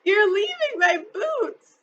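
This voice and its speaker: A woman doing a shrill, stubborn little girl. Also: huge pitch swings, moderate pace, a bit bright, lo-fi sound, slight background noise, heavily acted. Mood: distressed. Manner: high, wailing and insistent.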